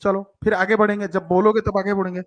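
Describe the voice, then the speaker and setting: The recording is muffled, and the man's high voice shows little pitch movement as he talks fast. He coaches kids for school entrance exams, teaching math in a live online class with plenty of coaxing, teasing, and English terms mixed in.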